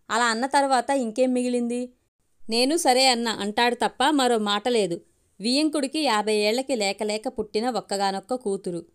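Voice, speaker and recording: A woman storyteller reading a family story aloud in a measured, expressive way. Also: fairly high pitch, smooth. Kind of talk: audiobook story narration.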